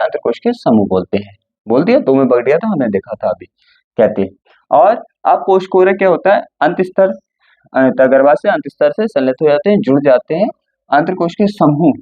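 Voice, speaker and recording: A man's voice: on the high side, no echo, lo-fi sound. A male teacher going through a textbook line by line, often asking a question and answering it himself.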